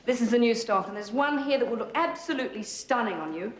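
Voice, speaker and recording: An actress as a lively, needling woman, roomy sound. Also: a little high, fast, natural voice. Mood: coaxing. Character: breezy, needling woman in a fashion shop. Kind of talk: television drama acting. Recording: roomy sound with faint noise.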